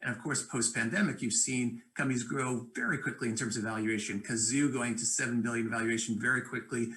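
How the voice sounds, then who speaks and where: A man's voice: mid-range voice, fairly even intonation, fairly quick, a bit bright, low-quality recording. Fluent, assured man on a panel. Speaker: venture capitalist panelist. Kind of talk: panel discussion.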